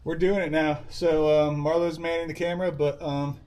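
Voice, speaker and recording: A young man chatting casually while working on a car in his garage, excited and swearing often. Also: on the high side, normal speed, slight background noise. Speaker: car builder vlogger.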